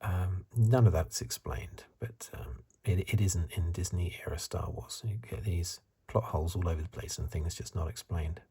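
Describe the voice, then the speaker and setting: Deep-voiced and close to the mic, this ASMR review host murmurs in a husky, breathy half-whisper. He offers his views in soft, hesitant musings.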